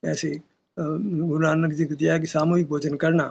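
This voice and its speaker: A man gives a spiritual discourse at a meditation session, challenging his listeners with rhetorical questions and casual asides. His voice is heavily gravelly and husky and sits a little high. The recording is dull and lo-fi. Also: monotone, moderate pace, darkish tone. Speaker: spiritual teacher.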